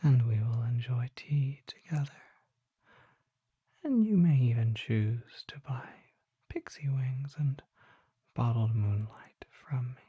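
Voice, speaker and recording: For an ASMR roleplay, a performer plays a mysterious vampire apothecary, gentle and solemn, using a breathy, hushed whisper and formal, deliberate phrasing. The voice sits at medium pitch, and the audio is dull with no room sound.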